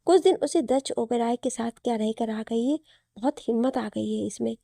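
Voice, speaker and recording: Cruel threatening man voiced by a woman, gravelly, dark tone, dry sound. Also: fairly high pitch, normal speed, no room sound. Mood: angry threat. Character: cruel, menacing adult male kidnapper. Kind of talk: storytelling narration.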